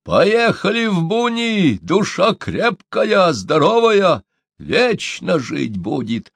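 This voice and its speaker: A man voicing a sly, boastful old male shaman who shouts and chants. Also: medium pitch, expressive, unhurried, husky, dry recording, voice pushed up. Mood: chanting. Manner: shouting, sing-song chanting.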